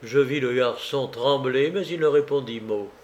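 A man narrating a literary audiobook in a measured, deliberate way. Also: mid-range voice, a little mellow.

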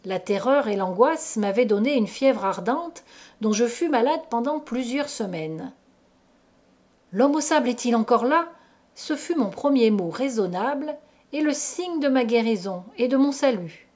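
A woman narrating a gothic tale aloud in a slow, measured, dramatic reading. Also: on the high side, animated, a little mellow. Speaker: audiobook reader. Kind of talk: literary audiobook narration.

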